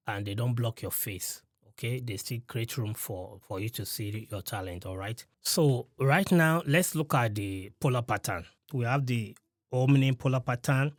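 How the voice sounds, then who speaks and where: A man's voice: medium pitch, no echo. Man demoing a studio mic, dry sound. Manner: explanatory, walks through settings step by step. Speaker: gear reviewer. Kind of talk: mic test demonstration. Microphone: studio condenser mic close up.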